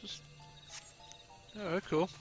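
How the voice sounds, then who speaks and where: A man's voice: takes it slowly, faint music behind. A man with an Irish accent hosting a game playthrough in casual, off-the-cuff commentary. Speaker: gaming video host. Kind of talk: casual let's play commentary.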